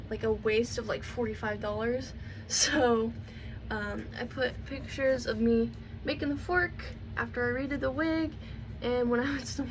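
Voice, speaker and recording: A woman's voice: fairly high pitch, recorded from a distance. A woman cosplayer talking casually through a how-to vlog, chatty and rambling, full of likes and ums. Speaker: cosplayer showing a build book. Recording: voice a bit off-mic with faint background noise.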